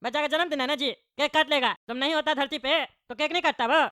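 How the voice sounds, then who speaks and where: A woman's voice: high-pitched, fast talker, sharp tone, no room sound, studio quality. A woman voicing a boastful, rude bald male politician in a cartoon, mocking and dismissive.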